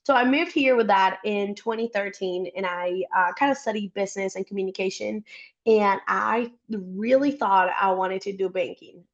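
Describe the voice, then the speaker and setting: In a muffled recording, a young adult woman from Costa Rica talks at a normal speed with a medium-pitched voice. She's an interview guest who does startup support work, and she comes across as chatty and upbeat.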